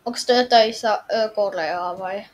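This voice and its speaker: With a mid-range voice and a little hiss or hum on the recording, a gamer role-plays her way through a story. Her improvised commentary is casual and hesitant, full of musings and questions.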